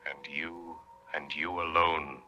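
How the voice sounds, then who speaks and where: A man's voice: very deep voice, little pitch movement, slow, muffled recording, music in the background. A man acting a grave, commanding invisible avenger in an old radio drama, with solemn, theatrical pronouncements of judgment. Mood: stern, accusing.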